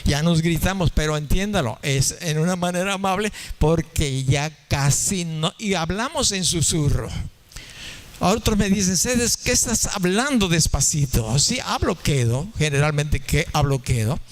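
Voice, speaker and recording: A pastor with a fairly high, animated voice speaks at a moderate pace during a sermon. He jokes around, tells a funny story, and chats conversationally with his congregation.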